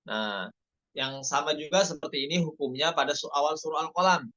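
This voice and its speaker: A man teaching Quran recitation rules in an online lesson, explaining each rule and then reciting the examples slowly. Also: fairly high pitch, bright, forceful tone. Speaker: tajwid teacher.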